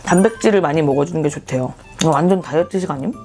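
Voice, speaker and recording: A woman's voice: deep voice, very fast, darkish tone. Playful casual woman vlogger over music. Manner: playful, self-mocking asides. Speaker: mukbang vlogger. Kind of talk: casual chat to viewers while eating. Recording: background music under the voice.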